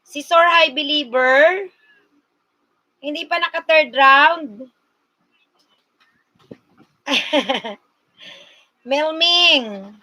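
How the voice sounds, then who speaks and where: Very slow bicol woman streaming live, calling out to her viewers, super high voice. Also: sharp tone. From Bicol, Philippines. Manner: slow, coaxing, addresses viewers directly. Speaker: livestream host. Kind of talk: casual livestream chat with viewers.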